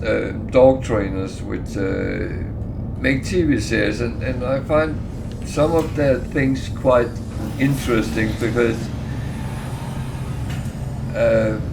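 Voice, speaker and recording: Slow, hesitant middle-aged man. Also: mid-range voice. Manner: hesitant, many fillers and restarts. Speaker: livestreamer. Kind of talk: casual chat while gaming. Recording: clear background noise.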